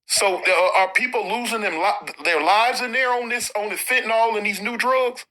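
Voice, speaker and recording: A man with an Alabama Southern accent interviewing in a casual, slangy way, with animated, informal reactions. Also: high-pitched, moderate pace, low-quality recording. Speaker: interviewer, former inmate.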